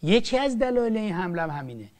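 Heard here is a high, sing-song male voice with a dark tint, belonging to an older Iranian filmmaker. He offers fervent political remarks, his pitch climbing and falling sharply as he repeatedly starts over.

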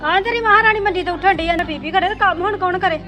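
A woman's voice: very high voice, muffled recording, music in the background. Woman playing a jealous scolding mother-in-law. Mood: taunting. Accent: Punjabi. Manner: nagging, taunting, quick. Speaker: actor in family drama. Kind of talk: Punjabi village drama acting.

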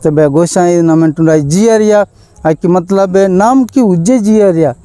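A man with a Malto accent, a bishop giving an Easter sermon in a measured preaching manner with pauses. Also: a little high, mellow, smooth, dry recording.

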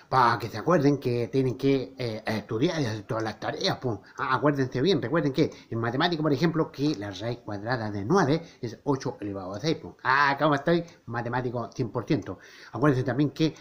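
A man teacher with a Chilean accent giving a comic, mock-boastful greeting to students. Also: medium pitch. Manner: mock-boastful, deadpan jokes.

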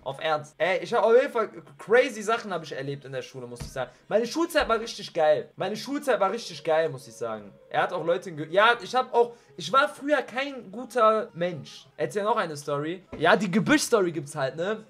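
A young man streaming, telling school stories to his chat in a slangy, animated way. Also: high voice, a little fast, hardly any pauses. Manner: animated, slangy, gets loud and worked up when retelling. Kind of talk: casual storytelling to stream chat.

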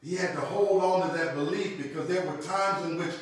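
Middle-aged male pastor, high-pitched and lively, preaches from a lectern; roomy, distant sound. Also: fairly quick. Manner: preaching with call-outs and repetition, sweeping gestures. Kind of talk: sermon. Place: church room with logo backdrop, standing at a lectern. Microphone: far camera. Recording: echoey room, mic far off.

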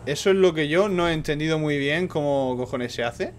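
A young man, streaming a game in casual banter, loud and excitable, yelling and laughing at the action. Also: a little high, brisk, a little hiss or hum. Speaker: gaming streamer.

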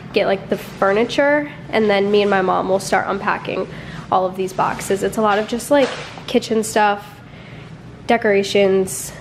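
A woman's voice: mid-range voice, slight background noise. A woman in her twenties talking casually through a home vlog, rambling with lots of "like" fillers while filming on a handheld phone indoors. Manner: chatty, rambling, many "like" fillers. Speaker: vlogger. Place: apartment rooms and closet, indoors. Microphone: handheld phone camera.

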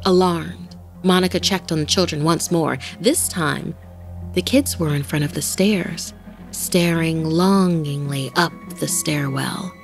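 A woman hosts and narrates a horror story in a dramatic, scripted style. Her voice sits low and moves a little slowly, with a pace that shifts as the tension builds. A faint music bed plays underneath.

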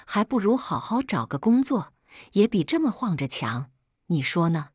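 A woman's voice: mid-range voice, very animated, normal speed, breathy edge, no room sound, clean studio sound. A woman voicing a young mother who talks back coldly, with sarcastic, cutting remarks. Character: young mother, cold and sharp-tongued.

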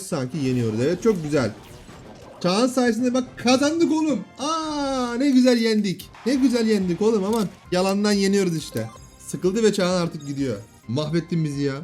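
A man in his thirties at home giving casual gameplay commentary, bantering and often shouting at his kids. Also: a little high. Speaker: gaming YouTuber and father. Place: home room.

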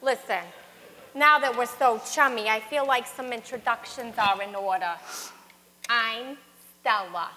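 A woman's voice: on the high side, measured pace, bright, forceful tone, long reverb tail, slight background noise. A woman playing a brash, wisecracking older woman customer in a church stage skit. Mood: bossy. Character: brassy old woman diner customer, bossy and wisecracking. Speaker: actor in a church Christmas skit. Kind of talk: live stage comedy sketch.

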